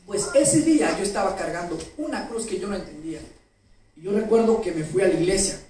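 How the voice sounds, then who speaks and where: Man, pastor, sermon, emotional storytelling, booming echo, faint background hiss. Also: animated, brisk, warm tone. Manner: personal storytelling, questions to the congregation; emotional, self-described crier. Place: church. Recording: very echoey hall, mic far off, faint noise.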